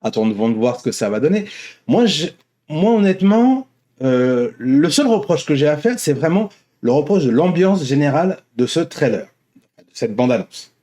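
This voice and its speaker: A man with a fairly high, dark-toned voice and big swings in pitch hosts an online opinion vlog at a moderate pace. His monologue is casual and unscripted, rambling along as he repeats and rephrases himself.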